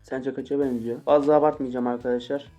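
Young man, 18, casual Q&A vlog, fast, swearing jokes, soft guitar music behind. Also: medium pitch, little pitch movement, highs cut off. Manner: joking, swearing, mock-angry outbursts. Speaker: YouTuber answering viewer questions.

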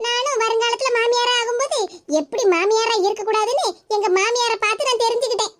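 A woman voicing a fiery, blunt middle-aged village mother-in-law with a Tirunelveli Tamil accent in an animated cartoon. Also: extremely high pitch, fast talker. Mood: gentle. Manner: scolding, blunt, threatening.

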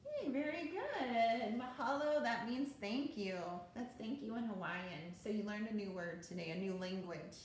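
A woman music therapist leading a sung lesson for children, cheerful and gentle as she sings and talks to the kids. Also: on the high side, lively intonation, moderate pace, few pauses, slight background noise. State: voice tiring from singing. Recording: very echoey room with guitar.

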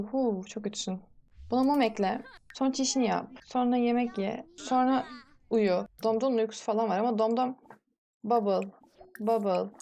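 A woman's voice: a little high, vocal fry, darkish tone. A young woman casually commenting on her life-sim gameplay, chatting and scolding the characters on screen. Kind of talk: casual let's-play commentary.

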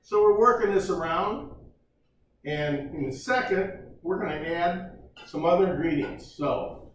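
An older man with a high-pitched voice, speaking a little slowly, hosts a casual home cooking show in a large kitchen. A distant camera mic picks him up off-mic in the echoey room, with slight background noise, as he jokes and chats in a folksy way while cooking.

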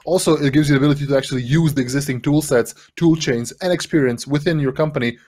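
A man in his thirties from Serbia, giving an energetic online workshop talk on a headset mic from a room at home, full of fillers and rhetorical "right?"s. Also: a little high, fast. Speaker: developer advocate giving a workshop.

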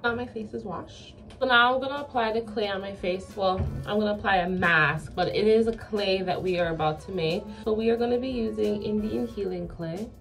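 A woman's voice: medium pitch, fairly quick, creaky, hardly any pauses, fairly bright tone. A young woman vlogging casually in playful, tongue-in-cheek zoomer slang, speaking toward a camera in a small bathroom. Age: young adult. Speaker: beauty vlogger. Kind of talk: casual vlog chat. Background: music under the voice.

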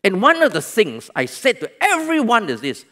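A man preaching a sermon as pastor, with a Malaysian English accent. He swings from loud exclamations to hushed near-whispers, repeats his points and asks the congregation questions. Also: high-pitched, huge pitch swings, normal speed.

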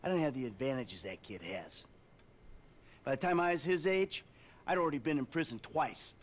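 A jaded middle-aged ex-robber, sour and sarcastic, spitting curses, as a man plays him. His voice swings widely in pitch as he rants. It comes from a video game cutscene. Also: expressive, normal speed, natural voice. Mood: bitter. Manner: bitter, sarcastic and swearing.

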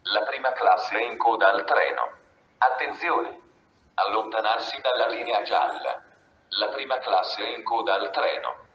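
A man making a flat, formal station announcement in a scripted, segmented delivery. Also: lowish voice, measured pace. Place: over a railway station PA. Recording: echoey, dull, noisy station loudspeaker.

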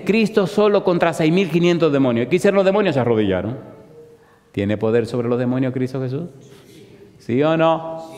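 Man, sermon, rhetorical questions, loud bursts and hushed slow stretches, reverberant hall. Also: mid-range voice. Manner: asks the crowd rhetorical questions over and over. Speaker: preacher.

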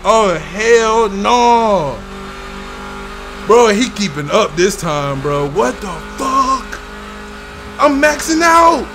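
A young man giving excitable, laugh-filled live commentary on his gameplay as a streamer, swearing often. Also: sits high, drawn-out words, long pauses, music in the background. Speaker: gaming streamer.

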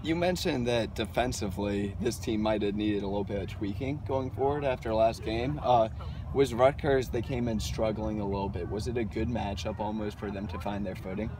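A man's voice: on the low side, a little fast, far from the mic. A man, a sports reporter, asking questions after a game outdoors. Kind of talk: post-game interview questions. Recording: outdoor noise, traffic behind.

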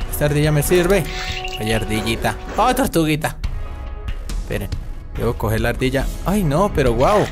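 Excitable male gamer commentating playfully. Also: a little high, normal speed, long pauses. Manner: excitable, chatters to game creatures as the hungry monster. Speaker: gaming channel host. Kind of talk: playful let's-play commentary. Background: game music.

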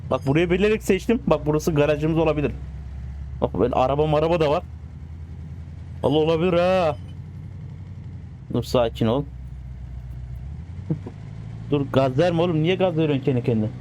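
Excitable young-sounding man narrating a driving game. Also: a little high, normal speed, long pauses, a little hiss or hum. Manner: excitable, coaxing the cars like pets. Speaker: gaming channel host. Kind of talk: casual gameplay commentary.

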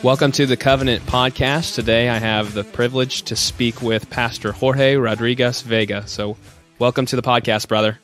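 A man hosting a podcast interview, speaking in a measured, polite way. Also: medium pitch, steady tone, fairly bright tone, soft background music. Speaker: podcast host.

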